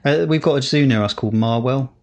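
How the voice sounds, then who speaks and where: Male podcast co-host, gravelly, rambling chatty delivery. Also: mid-range voice, fast, a little mellow. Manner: rambling, hesitant, many fillers. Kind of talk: casual chat.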